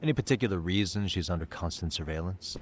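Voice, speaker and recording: Deep, blunt, dogged detective. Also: male voice, lively intonation, fast talker, a little hiss or hum. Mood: probing, blunt. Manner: blunt, challenging, informal. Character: blunt, dogged male detective confronting a shady official. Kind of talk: dubbed video game drama acting. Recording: music behind the voice.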